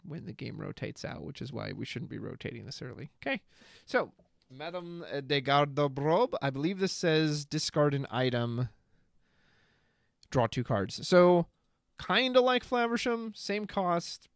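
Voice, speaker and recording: A man with a higher-than-usual voice talks casually on a live stream, musing out loud as he reads out card text and viewer comments. The sound is dry and close, with no room echo. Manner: thinks aloud, reads card text and chat, chatty. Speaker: streamer reviewing trading card spoilers.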